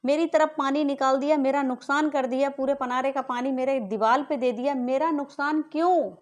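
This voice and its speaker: Indignant high-voiced woman ranting. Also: fairly even intonation, moderate pace. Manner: indignant, accusing, repeated rhetorical questions. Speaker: vlogger. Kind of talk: angry family-dispute rant to camera.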